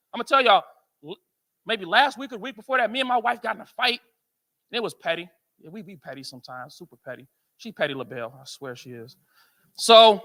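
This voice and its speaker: American conference speaker, male, high and sharp voice, storytelling motivator. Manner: animated storyteller, keeps asking "right?". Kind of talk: motivational speech to men.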